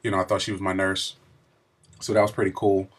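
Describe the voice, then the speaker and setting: A man's voice: low-pitched, little pitch movement, fairly quick. A middle-aged man chatting casually to his viewers in a video diary, with an informal, emphatic storytelling manner. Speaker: vlogger.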